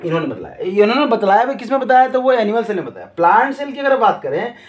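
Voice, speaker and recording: A man with a fairly high voice teaches a class, posing questions and answering them himself. He goes over each key term more than once. The room gives his voice a clear echo. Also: big pitch swings, fast talker, slight background noise. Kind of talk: classroom lecture. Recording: echoey room.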